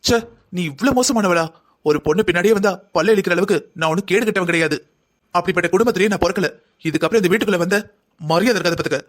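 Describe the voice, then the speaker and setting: A man's voice: sits high, very fast, natural voice. A man voicing an upright young husband in a cartoon, stern and scolding. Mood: indignant. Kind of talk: cartoon voice acting.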